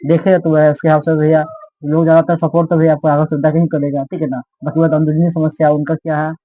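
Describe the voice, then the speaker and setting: A man's voice: fairly high pitch, little pitch movement, fast talker, mellow, dry recording. A man giving casual political commentary, rambling and constantly asking his listeners "right?". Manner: rambling, keeps asking "ठीक है ना?". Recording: dull, lo-fi dry recording.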